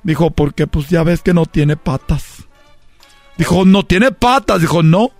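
A man with a high voice and a Mexican Spanish accent spins an animated comedic story in casual chat, quoting the voices of the people in it. Faint music plays behind him. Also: unhurried, no echo.

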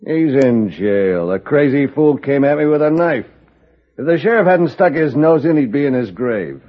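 An actor playing a gruff, folksy middle-aged male railroad superintendent in an old radio drama, brushing off warnings. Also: mid-range voice, animated, moderate pace, lightly acted. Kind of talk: 1950s radio drama acting. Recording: muffled old radio broadcast.

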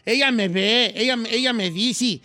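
A man's voice: very high-pitched, normal speed, pushed and bright, no room sound. A man hosting a radio call-in show, joking and telling stories in slang. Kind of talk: casual on-air banter with a caller.

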